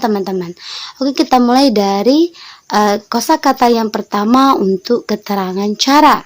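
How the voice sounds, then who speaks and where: A woman from Lombok, Indonesia, giving an online English vocabulary lesson for beginners. She talks patiently, repeating each word and its meaning and addressing viewers as friends. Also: on the high side. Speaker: English teacher.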